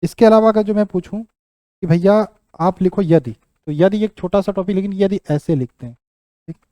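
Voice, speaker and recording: A young male teacher runs an exam-prep lesson, saying each word again and again as he writes it out and checking in with his students. His voice sits high but mellow. The sound is dry, with no room echo. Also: moderate pace. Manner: repeats words while writing them out, checks in with "ठीक".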